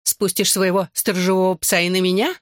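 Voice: level tone, brisk, no echo, lightly acted. An audiobook reader voicing a spiteful young woman who shrieks and hisses insults, in a dry close recording. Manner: shrill, hissing.

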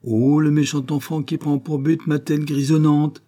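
A man voicing a cheerful old male peasant archer in a storybook reading, speaking in lively exclamations. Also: fairly high pitch, moderate pace, pitched above the performer's own voice, natural voice. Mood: delighted.

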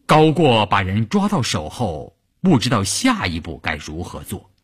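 Husky storyteller guy, slow and measured, voice swings all over. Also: lowish voice, huge pitch swings. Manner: measured, dramatic narration. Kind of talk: traditional spoken storytelling.

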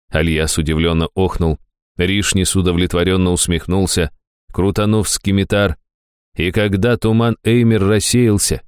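Man narrating an audiobook, really low voice, clean and crisp, dry sound, steady and measured. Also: dry recording.

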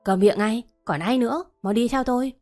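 A woman's voice: medium pitch, expressive, fairly quick, soft background music, close to an everyday voice. A woman voicing a harsh middle-aged mistress of the house who scolds her maid with contempt. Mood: scornful.

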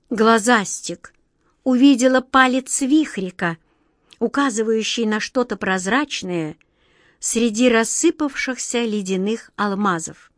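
A woman reads a fairy tale aloud in a calm, measured way. She takes her time, with a mid-range voice and no rush. The sound is close and dry, with no room echo. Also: mid-range voice. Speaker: narrator. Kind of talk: audiobook fairy tale reading.

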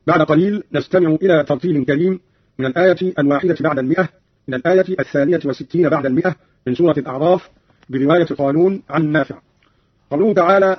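A man presenting a formal radio lesson, explaining reading variants in a measured, precise way and quoting verses as examples, on a dull lo-fi radio recording. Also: fairly high pitch, breathy edge, no echo.

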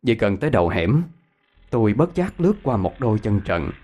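Expressive male ghost story narrator. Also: fairly quick. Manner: expressive, varied pitch.

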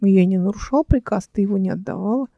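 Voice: mid-range voice, quick pace, creaky, no room sound, muffled recording. An audiobook reader voicing a cheeky young man pilot who talks playfully and teases his captain. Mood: teasing. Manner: playful, teasing.

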